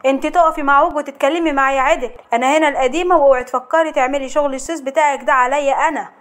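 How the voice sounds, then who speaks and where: Sharp-tongued daughter-in-law, Egyptian accent, mocking and tart, high voice, a woman playing her. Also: steady tone, racing, natural voice. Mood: threatening.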